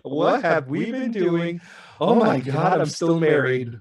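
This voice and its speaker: A man hosting a casual gaming podcast, excitable and rambling, laughing between his words. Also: a little high, takes it slowly. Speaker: podcast host. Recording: roomy echo.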